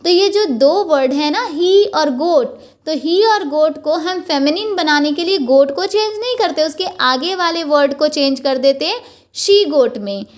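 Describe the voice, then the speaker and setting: A woman's voice: high-pitched, expressive, unhurried. A woman teaching a grammar lesson, patiently repeating points and spelling words out letter by letter.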